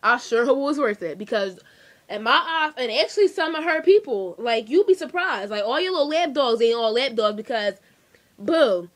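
A woman's voice: on the high side, lively intonation, normal speed. A young woman, a daughter, ranting in a casual vlog in a scolding, dismissive way. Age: young adult. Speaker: daughter answering a video.

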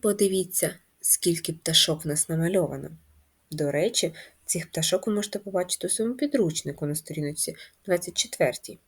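Breathy woman teaching young children. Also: on the low side, fairly quick. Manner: patient and clear, stretching words into syllables. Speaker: primary school teacher. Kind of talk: first-grade reading lesson.

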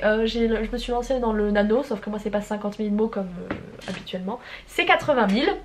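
A woman's voice: on the high side, slight background noise. A woman of twenty-four with a stuffy nose, chatting casually and rambling about her writing progress with slang and swearing. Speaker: writer vlogging her progress. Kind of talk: casual chat.

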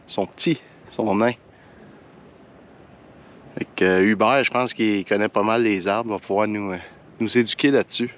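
Out on a forest hiking trail and up at a mountain summit, a man with a Quebec French accent vlogs to the camera in a loose, colloquial style that halts a little now and then. His voice is on the low side, with outdoor background noise audible throughout.

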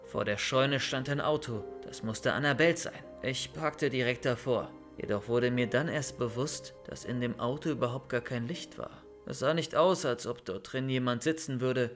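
A young man reading a first-person horror story as scripted narration, calm and steady. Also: medium pitch, normal speed, hardly any pauses, faint music behind. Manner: calm storytelling, loud shouted calls in scenes.

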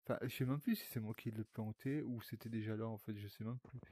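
A man's voice: on the low side, steady tone, fast talker, dark tone, slight background noise. Streamer, young man, loose rambling VR gameplay chatter, swears a lot. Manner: rambling, swears often, talks to viewers. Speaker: streamer playing a VR game. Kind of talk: casual gaming commentary.

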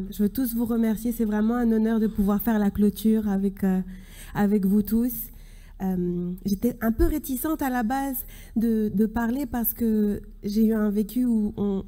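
A woman in her thirties giving a closing conference speech from a podium, earnest and halting, with many restarts. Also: mid-range voice, mellow. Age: 30s. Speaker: keynote speaker. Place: large conference hall stage at a podium. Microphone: podium microphone.

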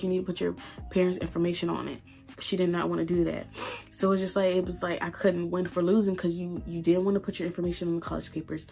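A young woman, crying and halting as she tells her story while doing her makeup. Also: lowish voice, vocal fry, a little mellow. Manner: emotional, halting, repeats herself. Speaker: beauty vlogger. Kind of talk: tearful get-ready-with-me chat.

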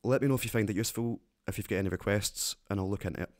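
Low-voiced Glaswegian man explaining a synth. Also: rapid-fire. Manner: relaxed, rambling, lots of fillers. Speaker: synth tutorial host. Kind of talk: casual tutorial talk.

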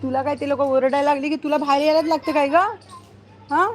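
A woman's voice: high-pitched, level tone, fast. A woman vlogging at home, talking to her dog and birds in coaxing baby talk. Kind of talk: casual home vlog chatter.

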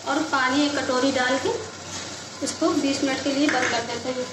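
A woman's voice: high voice, fairly even intonation, moderate pace. A woman hosting a home cooking video, explaining each step plainly and unhurriedly at her kitchen stove. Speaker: cooking channel host. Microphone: phone camera held over the stove. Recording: echoey kitchen with loud cooking noise. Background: sizzling and frying in the pot.

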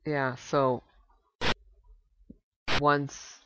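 A woman hosting a let's play of an old computer game, relaxed and thinking aloud as she reads the game's text. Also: very deep voice, drawn-out words, very noisy. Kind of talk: casual game commentary. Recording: slightly dull lo-fi desktop recording.

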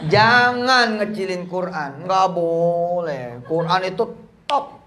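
Animated male preacher, slightly high voice. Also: slow, background noise. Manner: jokey, acts out quoted voices with big pitch jumps; casual colloquial speech. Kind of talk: lively sermon with storytelling. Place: Islamic boarding school gathering.

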